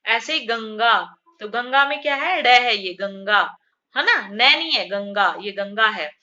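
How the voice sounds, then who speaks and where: A woman's voice: medium pitch, lively intonation, measured pace, bright, forceful tone, highs cut off. A woman teaching Hindi grammar in a classroom style, who asks questions and answers them herself and repeats the key terms.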